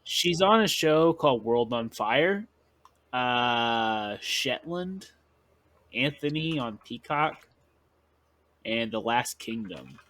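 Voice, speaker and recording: Man, podcast co-host, casual chat, mid pitch, thinking aloud. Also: slow pace, pauses often, no room sound. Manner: relaxed, thinking aloud with fillers.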